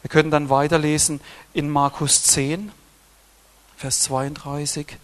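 A man's voice: fairly high pitch, flat delivery, unhurried. A man preaching a sermon on scripture, emphatic, with frequent swells in volume and repeated words.

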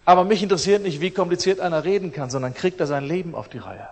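A middle-aged man delivers a sermon with emphatic force, repeating key phrases and swinging between loud declarations and quiet asides. His voice sits a little high for a man. A long reverb trails each phrase, as in a large hall. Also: fast talker. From East Germany. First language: German. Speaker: preacher.

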